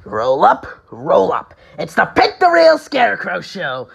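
A woman doing a raspy, manic Joker. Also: mid-range voice, wildly swooping pitch, exaggerated voice. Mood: taunting showman. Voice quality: raspy, strained. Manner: theatrical, swooping, drawn-out taunts. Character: manic, taunting male comic-book villain clown, the Joker. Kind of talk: amateur audition reading of video game villain lines.

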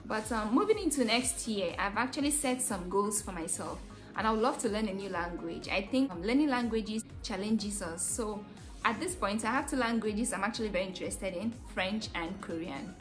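A woman's voice: mid-range voice, lively intonation, moderate pace, faint music behind. A young Nigerian woman hosting a casual vlog, talking chattily to camera and laughing easily. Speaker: vlogger host.

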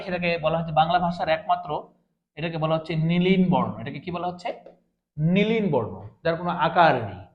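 A man with a high voice lectures like a teacher, posing questions and then answering them, often circling back to repeat a point. The sound is dull and lo-fi, and it rings in an echoey room. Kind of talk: classroom lecture.

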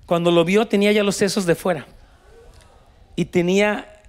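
A man's voice: high-pitched, fairly even intonation, moderate pace, clean tone. A man with a Mexican Spanish accent preaching a sermon, telling a story and then exhorting his congregation, slipping between Spanish and English. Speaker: pastor.

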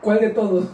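A man's voice: high-pitched, a little mellow. A man in his thirties with a Mexican accent, chatting casually in questions and answers. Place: indoors, small bare-walled room. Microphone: camera a couple of metres away. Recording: echoey room, distant mic, faint noise.

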